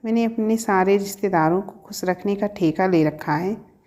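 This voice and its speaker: A woman's voice: mid-range voice, normal speed, warm tone, lightly acted. A woman voicing a teasing young professor in love. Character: young man, a professor, earnest and teasing lover. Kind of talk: storybook reading.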